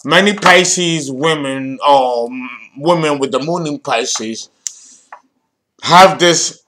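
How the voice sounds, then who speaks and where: Male astrology host, high pitched, playful and theatrical lecture delivery with jokey asides. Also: slow pace, pushed and bright, a little hiss or hum. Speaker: astrology teacher and channel host. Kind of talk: animated video lecture.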